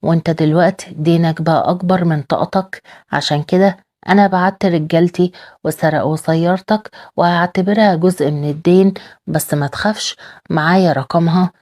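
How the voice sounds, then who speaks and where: A threatening loan shark lays out his demands, read by a woman narrator. The voice is low and mellow with an Egyptian accent. It is told in a plain recap style. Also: steady tone, a little fast, natural voice. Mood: menacing. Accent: Egyptian Arabic.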